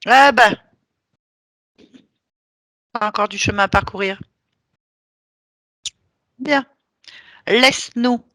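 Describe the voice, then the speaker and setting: A woman's voice: mid-range voice, takes it slowly, pauses often, pushed and bright, no room sound, clean studio sound. A woman leading a hypnosis session, giving firm, teasing commands.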